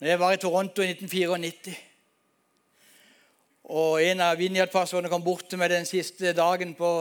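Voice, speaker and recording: A man's voice: high voice, clean tone. A man, a pastor, preaching a sermon and telling his testimony in an emphatic storytelling way, addressing the congregation directly.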